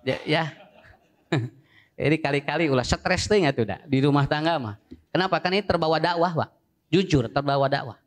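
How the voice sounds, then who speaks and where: A man's voice: fairly high pitch, brisk. A male Islamic preacher with a Sundanese accent, giving a sermon in a joking, storytelling way that switches between two languages.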